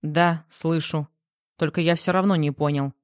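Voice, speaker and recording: A woman's voice: deep voice, fairly even intonation, unhurried, dry recording, studio quality. A woman voicing a rattled, curt grown man. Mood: confused. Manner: curt, defensive replies. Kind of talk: audiobook reading.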